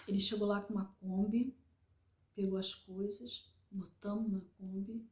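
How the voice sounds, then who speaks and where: A Brazilian woman giving an earnest personal testimony, retelling events in a halting, repetitive way. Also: mid-range voice, flat delivery, a little mellow, roomy sound. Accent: Brazilian Portuguese. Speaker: survivor telling her story.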